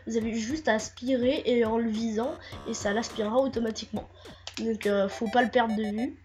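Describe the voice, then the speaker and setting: This gameplay commentator has a high, slightly mellow voice that sounds stuffy and nasal, as if she has a cold. Walking through a game, she talks haltingly with frequent fillers and restarts.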